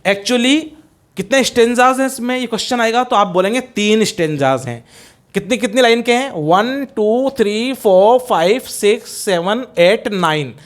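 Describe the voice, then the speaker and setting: Indian male literature tutor, high voice, Hindi-English exam-prep lecturing, repetitive drilling. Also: lively intonation, normal speed. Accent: Hindi-speaking Indian. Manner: counts lines aloud and repeats points for drilling.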